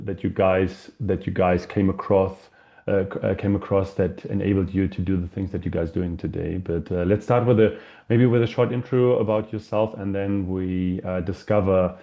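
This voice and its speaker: A man hosting a podcast, asking rambling, halting questions full of fillers. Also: low voice, dull audio. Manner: halting, many fillers and repeated words. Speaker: podcast host. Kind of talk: casual interview questions.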